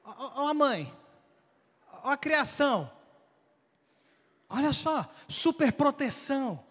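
A male pastor preaching a sermon with animated, dramatic storytelling. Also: very high voice, slow, big-room sound.

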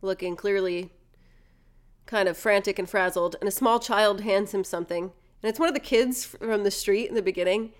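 A woman's voice: mid-range voice, normal speed. A woman in casual chat, animatedly retelling a film plot, acting out the characters' lines and swearing now and then. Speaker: podcast host retelling a film.

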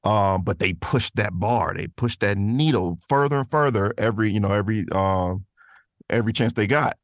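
A man's voice: fairly low pitch, normal speed, dry recording, clean studio sound. A man chatting casually as a podcast guest, informal and slangy, rambling through his answers. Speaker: podcast guest, voice actor and artist. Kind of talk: casual interview chat.

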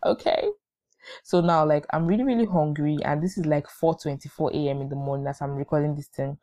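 A woman's voice: low voice, fairly even intonation, fairly quick, warm tone, dry recording, clean studio sound. A young woman with a Nigerian accent hosting a casual solo podcast, chatty and emphatic, repeating phrases for effect. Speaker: podcast host.

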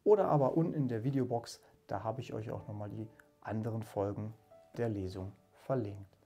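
A man reading a classic story aloud in a calm, measured way, then talking to his viewers. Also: lowish voice, gravelly, faint music behind. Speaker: reader and channel host. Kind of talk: audiobook reading.

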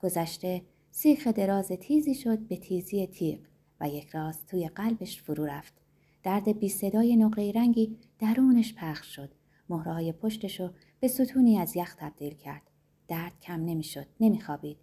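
A woman narrating a novel in a soft, quiet, unhurried reading voice that drops low at the ends of phrases. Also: expressive, husky. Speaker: audiobook narrator. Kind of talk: scripted narration.

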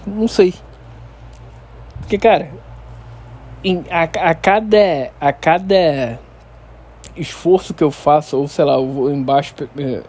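A man with a Carioca accent ranting casually and unscripted in Rio street slang, swearing heavily, stammering and repeating words as he tells things in an animated way. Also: fairly high pitch. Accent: Carioca, Rio de Janeiro. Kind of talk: casual unscripted solo rant.

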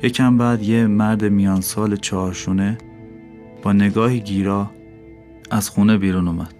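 A man narrating a novel as an audiobook, in a calm, measured delivery. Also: on the low side. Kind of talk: novel read aloud. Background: soft music.

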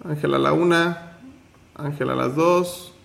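A man's voice: on the high side, steady tone, slow, creaky, a bit bright, roomy sound. A man hosting an online finance workshop, teaching with motivation and firmly running roll call. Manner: firm, direct, gives instructions.

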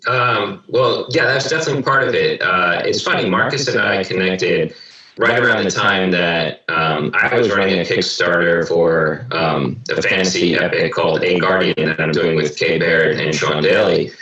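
A man, a comics writer and guest in a casual interview over a video call, whose voice comes through glitchy and robotic with sudden pitch jumps; he talks hesitantly with many ums. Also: moderate pace, bright, forceful tone, muffled recording. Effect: glitchy robotic call audio with sudden pitch jumps. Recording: echoey, distant call audio.

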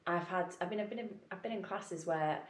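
A woman's voice: lowish voice, brisk, a little hiss or hum. A woman who runs teacher auditions at a yoga studio, talking casually on a podcast, chatty with lots of fillers and laughs. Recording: roomy echoey recording.

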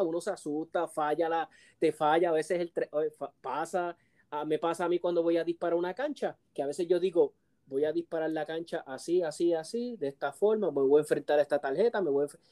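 A man, co-hosting a casual podcast chat, telling animated stories and laughing often. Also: high voice. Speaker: co-host.

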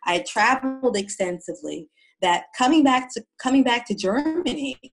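This woman from the East Coast has a high, gravelly voice with lively intonation and speaks at a normal speed, captured on a rough recording. Appearing as an interview guest, she reflects on her story, often repeating words as she hunts for them.

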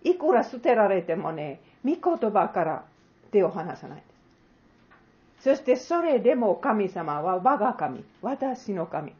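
A woman's voice: mid-range voice, big pitch swings, unhurried, a little mellow, highs cut off. A woman preacher giving an earnest sermon that she closes with a prayer, putting questions to her listeners.

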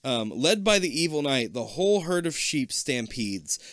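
A man's voice: fairly high pitch, very animated, normal speed, a bit bright, dry recording. A man casually reading an adventure gamebook aloud, with joking asides. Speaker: reader.

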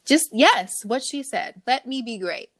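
A woman's voice: a little high, animated, a little slow. A woman co-hosting a podcast in brash, profane, playful casual chat. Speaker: podcast co-host.

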